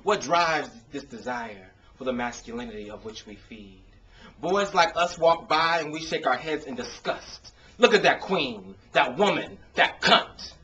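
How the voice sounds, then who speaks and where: An American man with a voice on the high side, bright and forceful, gives a spoken word poetry reading at a measured pace, animated and expressive in his emphasis. He introduces pieces casually. A consumer camcorder microphone makes the sound dull and noisy.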